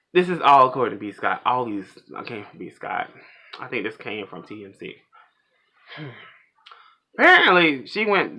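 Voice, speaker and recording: A man hosting a pop culture vlog, ranting in a casual, animated and opinionated way. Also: mid-range voice.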